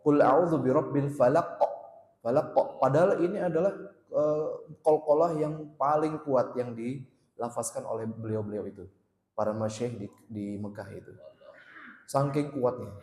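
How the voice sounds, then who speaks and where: A man teaching Quran recitation at a mosque study circle, drilling letter sounds by repeating them slowly and loudly. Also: mid-range voice. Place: mosque hall. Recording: echoey mosque hall with long reverb.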